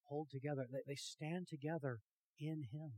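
A man preaching a sermon with emphatic rhetorical questions, swinging from hushed to loud and talking directly to his congregation. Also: on the high side, fairly even intonation, normal speed, dry recording, poor audio. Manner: talks with the congregation, asks them questions. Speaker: pastor.

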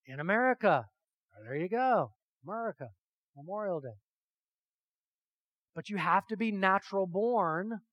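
A man preaching a sermon with emphatic rhetorical questions, swinging from hushed to loud and talking directly to his congregation. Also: high-pitched, lively intonation, measured pace, pauses often, no echo, dull audio. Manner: talks with the congregation, asks them questions. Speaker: pastor.

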